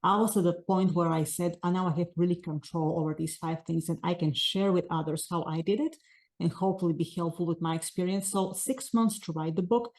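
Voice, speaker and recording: A woman from Bulgaria in her forties, appearing as an author guest, responds to questions in earnest, fluid sentences with a Bulgarian accent. Her voice is lowish, darkish, and steady, and she moves at a fairly quick pace.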